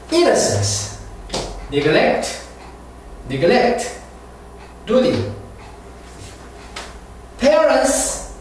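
A man's voice: high voice, far from the mic, slight background noise. A man teaching an English lesson, drilling words aloud and stressing the right way to say them. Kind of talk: classroom lecture. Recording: echoey room picked up from afar.

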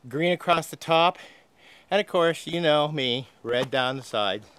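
A man's voice: a little high, unhurried, a bit bright, clean tone, rough recording. An older man hosting a homestead vlog, chatting casually outdoors in a sunny farmyard in a plainspoken way with frequent "uh" fillers. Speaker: homestead channel host.

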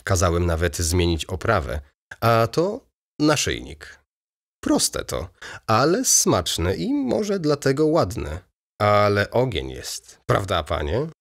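A man reading an audiobook voices a fussy, excitable aging male baron in a raised, eager, chattering manner. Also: fairly low pitch, slow, gravelly, full character voice.

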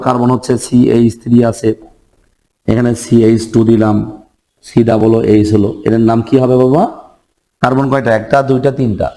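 A man's voice: medium pitch, warm tone. A man teaching chemistry in a lecture. He asks the class questions, answers them himself and repeats the key terms.

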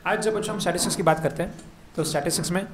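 Lively Indian man teaching a revision class. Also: high-pitched. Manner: addresses students as children, repeats key words, asks quick questions. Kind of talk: exam revision lecture.

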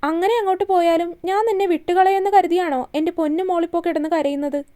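A woman's voice: very high-pitched, fairly even intonation, fast, warm tone. A woman reading the lines of a young man who teases his girlfriend tenderly on the phone. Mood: teasing. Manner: playful, teasing, tender. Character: young man, teasing affectionate lover on the phone.

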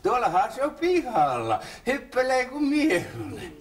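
An actor playing a sly, greedy fellow patient in a radio comedy. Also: male voice, very high voice, very animated, slight background noise. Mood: wheedling. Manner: wheedling, sly.

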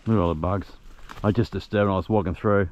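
A man narrating his fishing trip outdoors by a creek in a relaxed, observant way, talking quietly to the camera. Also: deep voice, fast, highs cut off. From Australia. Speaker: fishing vlogger. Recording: outdoor recording with faint background noise.

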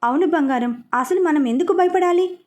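A woman's voice: extremely high pitch, moderate pace, darkish tone. A woman voicing a reassuring young man.

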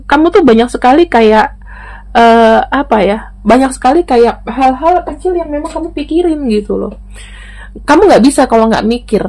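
A young woman giving a relaxed tarot reading, her voice sitting a little high. She talks to the viewer in a chatty, familiar way as she goes through the cards. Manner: chatty, addresses the viewer directly. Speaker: tarot reader. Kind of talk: casual tarot reading to camera.

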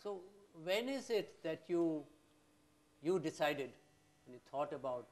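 An older man, putting measured, polite questions as interviewer on stage, recorded on a lapel mic. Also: on the high side.

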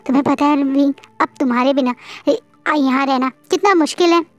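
A woman's voice: sits high, brisk, dry recording, soft background music, close to an everyday voice. A woman voicing a reserved, devoted young man who speaks emotionally while holding back tears in a storybook reading. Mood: hurt, tender.

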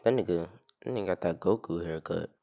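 A young adult streamer chats with strangers on a video site through a headset mic from a small living room, blunt and teasing with crude insults. His deep, creaky voice moves fairly quickly, and the recording is muffled and very noisy.

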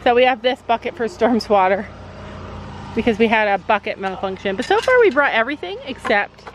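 Outdoors at a horse campground, a mother vlogs casually with her daughter, chatting to viewers and doing silly voices for the animals. Her fairly high voice is animated and a little fast, and the rough recording picks up outdoor noise behind her.

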